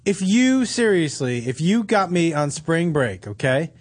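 High-pitched, animated male talk show host. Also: unhurried. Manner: blunt, profane, repeats himself for emphasis. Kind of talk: casual phone-in talk.

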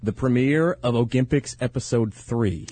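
A man's voice: medium pitch, moderate pace, dark tone, dry recording. A man co-hosting a podcast, chatting casually and teasingly, often repeating a phrase. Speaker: podcast co-host. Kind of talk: casual banter.

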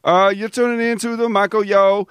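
A man's voice: sits high, little pitch movement, moderate pace, a bit bright, clear, resonant tone, no room sound. A man putting on a brash, exaggerated caricature persona for a podcast bit, drawling in slang. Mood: swaggering. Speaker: podcast co-host.

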